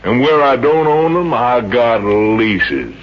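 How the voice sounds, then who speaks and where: A man's voice: medium pitch, big pitch swings, slow pace. A man playing a boastful, folksy middle-aged Texas oilman with a Texan drawl in a 1950s radio comedy. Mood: boastful, coaxing. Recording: muffled, noisy old radio recording.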